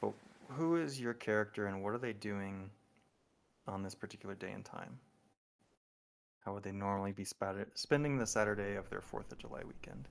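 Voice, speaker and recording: A man running a tabletop horror game over group voice chat, talking in a relaxed, rambling way with many ums. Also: fairly low pitch, normal speed, gravelly. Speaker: game master.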